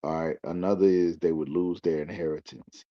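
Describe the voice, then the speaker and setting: A man's voice: low-pitched, steady tone, moderate pace. A man speaking as a guest in loose slang, building his points like a preacher. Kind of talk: casual explaining. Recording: dull lo-fi recording.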